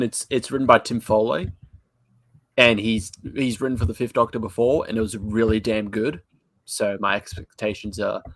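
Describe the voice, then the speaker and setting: A man co-hosting a casual panel chat, giving opinions in halting speech full of fillers. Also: medium pitch, fairly bright tone, no echo. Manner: hesitant, filler-heavy, opinionated. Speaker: podcast co-host.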